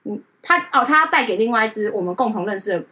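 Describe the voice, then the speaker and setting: A woman, telling a story in casual chat as a podcast co-host and often checking in with her listener. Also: fast talker. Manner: animated, keeps asking "you know?"; jumps into high-pitched voices when quoting others.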